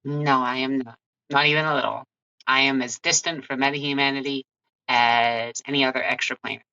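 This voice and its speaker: A haughty pony mage from another world with a formal, affronted way of speaking, as a woman puts her on. Her voice is low and bright, heard through a dull, muffled recording. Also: fairly even intonation, brisk, smooth, dry recording, full character voice. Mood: composed.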